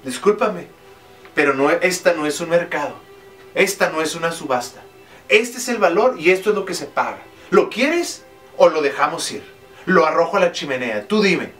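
A man voicing an old woman who keeps three precious books and will not lower her price. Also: expressive, moderate pace, fairly bright tone, far from the mic, soft background music. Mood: stern. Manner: firm, unbending bargaining. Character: old woman, keeper of three magic books, stern and firm.

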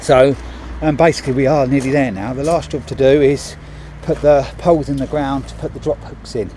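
A middle-aged handyman with a medium-pitched, dark voice talks briskly with fairly even intonation. He shows off finished work at a driveway gate outdoors, chatting casually with many ums and restarts. It's recorded on a body-worn action camera with slight background noise.

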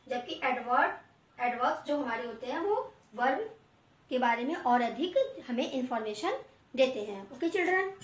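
A woman's voice: sits high, fairly bright tone, far from the mic. A woman teaching a grammar lesson, mixing in Hindi and saying "okay, children" again and again. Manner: slow, repeats "okay, children" often. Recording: echoey room, off-mic.

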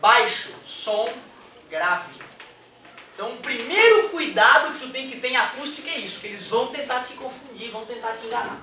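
A man from Brazil, giving a lively, joking physics lecture in a classroom and acting out examples. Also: very high-pitched, normal speed, a little hiss or hum. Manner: animated and joking, acts out examples. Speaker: physics teacher. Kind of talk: exam-prep physics lecture. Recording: echoey room, mic at a distance.

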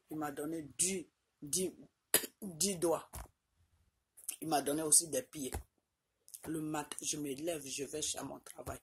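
A middle-aged vlogger from Côte d'Ivoire, with an Ivorian French accent, addresses her phone camera at arm's length from a small room. She insists on her points, repeating them and checking in with "ok?" again and again. Her voice is low, with a little hiss or hum in the recording.

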